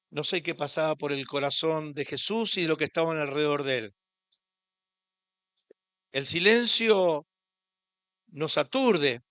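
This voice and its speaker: A man's voice: on the high side, a bit bright, no echo. A man with an Argentine Spanish accent preaching a sermon as a pastor in a church, impassioned and rising on his rhetorical questions.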